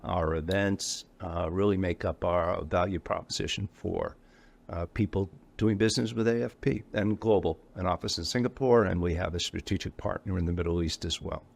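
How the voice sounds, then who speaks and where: A middle-aged man with a low, gravelly voice speaks at a moderate pace as an interview guest, an association executive. His manner is casual and rambling, and he often corrects himself and chuckles between points.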